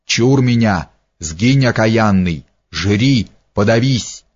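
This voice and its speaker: Audiobook: a man doing a grumbling superstitious servant, low and unhurried, blunt and fearful. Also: animated. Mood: frightened. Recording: dull lo-fi recording.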